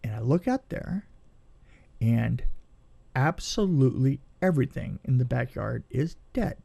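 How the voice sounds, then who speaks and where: A middle-aged film effects veteran, appearing as a podcast guest, shares casual anecdotes, retelling them animatedly with repeated phrases and acted-out quotes. His mid-range voice is unhurried, creaky, and a bit rough.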